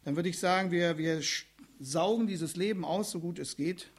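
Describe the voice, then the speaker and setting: Earnest high-voiced male preacher. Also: normal speed, breathy edge. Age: middle-aged or older. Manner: earnest, addresses listeners directly. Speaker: pastor. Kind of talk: sermon.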